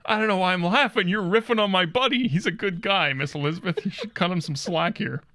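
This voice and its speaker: A man's voice: high voice, brisk, bright, forceful tone. A man hosting a comedy music show, bantering with a playful, amused manner. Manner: amused, defends his buddy with playful asides.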